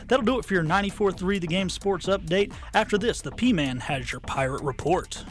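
A man's voice: sits high, faint music behind. Man reading a sports news bulletin. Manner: brisk scripted reading. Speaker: sports update anchor.

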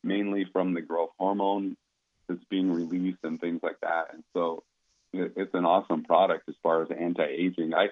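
Man in his fifties, very low voice, phone-thin sound; relaxed explainer who restarts his sentences often. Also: normal speed. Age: 50s. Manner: easygoing, explanatory, repeats words as he restarts. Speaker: company founder talking about supplements. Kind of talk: casual interview talk. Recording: tinny phone-like line.

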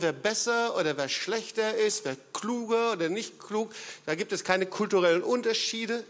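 A man preaching a sermon as pastor, emphatic, with big swings in loudness and frequent hesitation fillers, in a church hall. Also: high-pitched. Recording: long hall reverb.

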